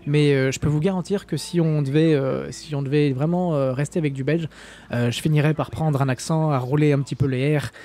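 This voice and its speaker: Un streamer français sans accent qui commente un simulateur de vol en direct, lit le chat et plaisante, avec beaucoup d'hésitations. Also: male voice, a little high, fairly even intonation, a little fast, dark tone. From France. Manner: chatty, joking, many hesitations. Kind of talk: live-stream flight sim commentary, reading chat.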